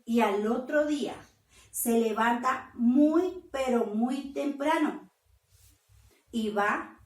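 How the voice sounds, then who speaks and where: A woman preaching a sermon, retelling scripture slowly and with emphatic stress. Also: mid-range voice. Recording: roomy sound from a distant mic.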